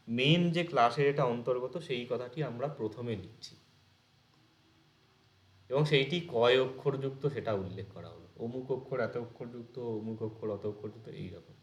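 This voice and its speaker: Echoey male tutor explaining step by step. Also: mid-range voice. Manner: explains step by step, asks students questions. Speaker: teacher. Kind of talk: exam-prep lecture.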